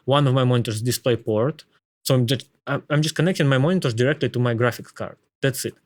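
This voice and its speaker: Male, Slavic accent, casual tech talker, mid-range voice, halting and repetitive delivery, close dry sound. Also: mid-range voice, dry recording. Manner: halting, thinking aloud with frequent repetitions.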